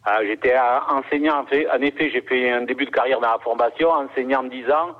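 A middle-aged man, a winemaker guest on a radio show, speaking calmly with many pauses and fillers. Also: medium pitch, muffled recording. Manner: calm, measured, many fillers. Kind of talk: radio interview.

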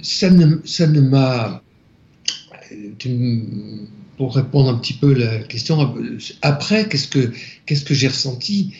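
A man from France, an interview guest, softly recounting a personal spiritual experience, halting and searching for his words. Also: medium pitch, expressive, vocal fry. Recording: echoey, slightly dull room recording.

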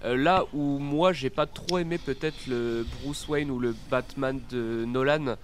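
A man's voice: mid-range voice, measured pace, slight background noise. A man chatting casually about a film, with frequent fillers.

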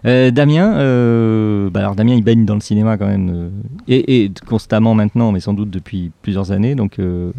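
A man's voice: fairly low pitch, moderate pace, creaky, hardly any pauses, warm tone, no room sound. A man hosting a French radio talk show, easygoing and hesitant, with many fillers. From France.

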